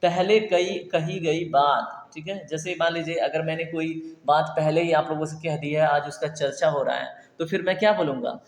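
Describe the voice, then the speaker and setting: A man leads an exam-prep lesson in a chatty, quizzing way. His voice sits fairly high. The recording is echoey, with a long reverb tail. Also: fairly even intonation, normal speed, few pauses. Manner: chatty teacher, keeps asking "ठीक है?" and quizzing viewers. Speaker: Hindi exam tutor.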